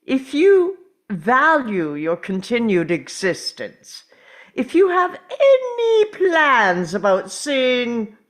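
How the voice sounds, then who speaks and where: Woman playing the Doctor, a cocky, swooping hero. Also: medium pitch. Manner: dramatic, commanding, savoring pauses. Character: cocky, daring male time-traveling alien doctor hero. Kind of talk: amateur script table read.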